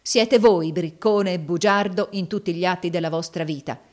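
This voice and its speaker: A woman voicing a brave young man who speaks slowly and firmly. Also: natural voice. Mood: defiant. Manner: slow and deep.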